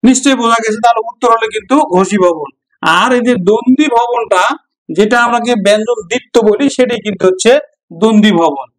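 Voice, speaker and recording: A man's voice: high voice, quick pace, low-quality recording. A man with a Bangladeshi Bengali accent teaching an exam-prep grammar lesson, going step by step, repeating examples and answering his own questions.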